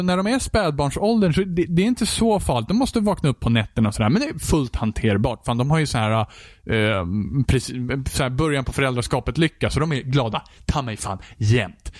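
A man's voice: medium pitch, no echo, clean studio sound. A man telling an exasperated, comedic story in a casual chat, swearing freely as he goes.

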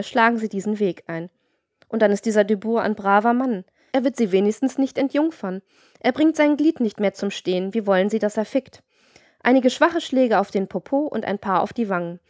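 A woman's voice: medium pitch, fairly quick, a little mellow, dry recording, lightly acted. A woman voicing a scheming, greedy procuress with a boastful, coaxing manner in an audiobook reading.

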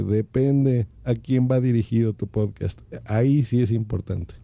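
A gravelly, mellow-toned man with a Mexican accent hosts a podcast in a casual, playful way. He speaks straight to his listeners and records on his phone in a dry-sounding office. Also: mid-range voice, no echo. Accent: Mexican Spanish. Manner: playful and chatty, addresses listeners directly. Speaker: podcast host.

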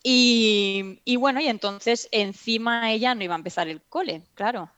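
A woman from Spain, chatting as an interview guest and telling animated stories. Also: a little high, normal speed, dry recording. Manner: chatty, animated storytelling with restarts. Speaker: interview guest, mother and teacher. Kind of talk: casual interview chat.

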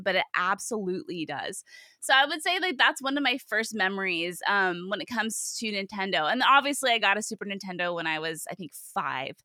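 Female podcast guest, animated and exclamatory, gravelly head-cold voice, bright, close dry sound. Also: mid-range voice, dry recording. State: congested with a cold. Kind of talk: casual chat, storytelling.

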